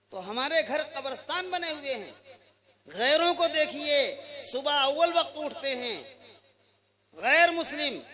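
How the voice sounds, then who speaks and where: High bright-voiced male preacher. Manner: exhorting, rhetorical questions, recites Arabic verses. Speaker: Islamic preacher. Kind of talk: sermon. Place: mosque.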